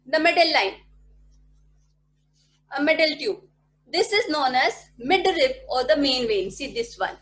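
High, bright-voiced teacher. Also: female voice. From India. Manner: patient, repeats questions and checks understanding often. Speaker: primary school teacher. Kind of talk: online class teaching. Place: small home room with bookshelves. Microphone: laptop webcam mic at desk. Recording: echoey room audio from a video call.

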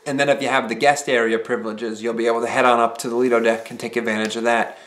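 A young man talking relaxed and conversational to the camera in a small living room, explaining things with casual filler phrases. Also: medium pitch, fast talker. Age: young adult. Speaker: vlogger. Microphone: camera mic, head-and-shoulders framing.

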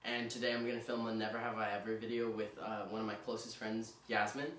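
A young man hosting a casual game video with a friend, joking and teasing, quick to laugh. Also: on the low side, little pitch movement, a bit bright, slight background noise. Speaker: vlogger host. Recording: roomy and distant mic.

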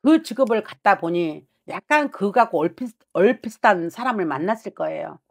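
A woman's voice: mid-range voice, animated, moderate pace, creaky. A middle-aged woman fortune teller giving a reading on the phone, blunt and scolding, acting out her client's thoughts as she talks. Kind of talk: fortune-telling consultation. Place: small shrine office.

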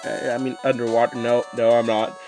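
A man's voice: medium pitch, level tone, brisk, music in the background. A young man rambling through casual let's play commentary, swearing often and restarting his sentences. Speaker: gaming YouTuber.

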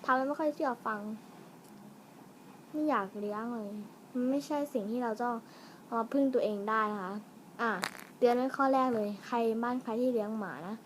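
A woman's voice: fairly high pitch, fairly quick, slight background noise, rough recording. A woman chatting casually to viewers as she unboxes and reviews toys at home, musing aloud and trailing off. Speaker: vlogger reviewing toys and snacks. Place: room at home.

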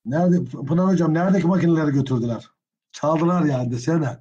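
Husky-voiced man teaching history. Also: on the high side, brisk, mellow, dull audio. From Turkey. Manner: addresses students as friends, gets openly indignant. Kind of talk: exam prep history lecture.

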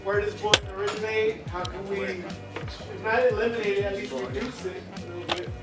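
High-voiced man presenting from far off. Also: expressive, fairly quick. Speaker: presenter at a school counseling talk. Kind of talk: informal presentation to a class. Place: classroom, picked up from across the room. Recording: distant echoey room, loud background music.

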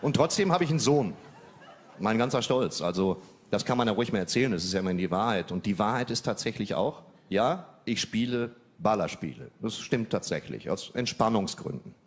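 Man in his forties, deadpan stand-up storyteller, lowish voice. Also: a little fast, breathy edge. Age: 40s. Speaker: comedian. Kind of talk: stand-up comedy.

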